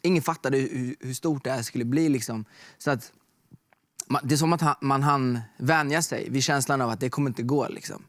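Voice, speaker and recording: A young man talking as a guest, telling stories in a relaxed way with many fillers. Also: medium pitch, dry recording, clean studio sound. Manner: relaxed storytelling with fillers like "liksom" and "typ". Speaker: guest artist. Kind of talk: casual chat.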